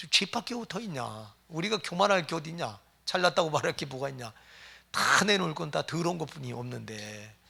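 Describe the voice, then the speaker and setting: Male pastor, middle-aged, sermon, emphatic, rhetorical questions, gritty edge, bright tone. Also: on the high side, gravelly.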